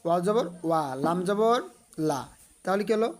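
A man teaching a Quran reading lesson in a patient, measured voice. He names each letter and vowel sign one at a time. Then he draws out the joined syllables in a sung recitation tone. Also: sits high.

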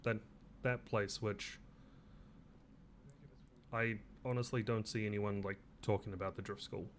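A man talking in a relaxed, easygoing way in character during a game role-play. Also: on the low side, a little slow, slight background noise.

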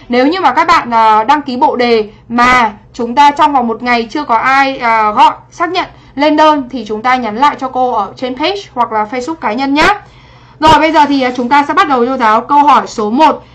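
A woman's voice, pitched high and a bit bright, leads a livestream exam review. She's an English teacher who greets viewers by name, talks in a chatty way and stops after each point to confirm they're keeping up.

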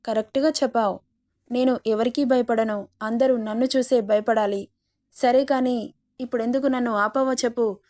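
A woman's voice: a little high, steady tone, moderate pace, darkish tone, close to an everyday voice. A woman voicing an arrogant, domineering rich young man who owns a college, teasing and bossy in a story reading.

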